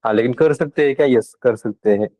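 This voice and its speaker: A man leads a live programming lesson. He speaks at a middling pitch and addresses his students casually and directly, checking whether they are keeping up. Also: brisk, mellow, poor audio. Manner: casual and direct with students, switching between Hindi and English terms. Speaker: programming instructor. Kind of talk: live classroom lecture.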